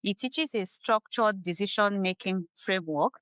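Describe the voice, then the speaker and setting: A woman's voice: mid-range voice, normal speed, a bit bright, dry recording, rough recording. A woman hosting a podcast interview, speaking politely and formally. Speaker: podcast host.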